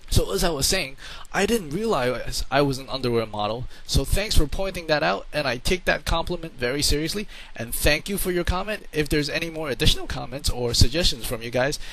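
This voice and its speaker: A man's voice: a little high, animated, fairly quick, hardly any pauses, fairly bright tone, rough recording. A man giving casual, rambling play-by-play commentary on a strategy game into a home microphone, often repeating words for emphasis.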